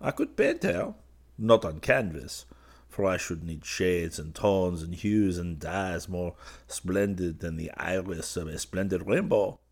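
A man voicing a drowsy young painter who murmurs softly and dreamily to a cat. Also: low-pitched, animated, a little slow, heavily acted. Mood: dreamy. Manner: soft, dreamy, musing.

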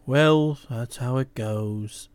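A glum young Englishman with a hollow, mournful voice, pitched far down, as a woman reader puts him on. He speaks in halting, heavy lines, smooth and dry in tone, as in a storybook reading. He sounds jilted and gloomy throughout. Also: a little mellow, no room sound.

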